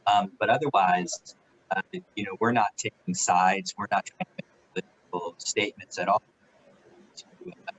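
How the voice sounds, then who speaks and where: Man, low husky voice, choppy glitchy video-call audio, halting panel talk. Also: a bit bright, low-quality recording. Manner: halting, with fillers and restarts. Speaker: private equity investor on a panel. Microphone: remote video call.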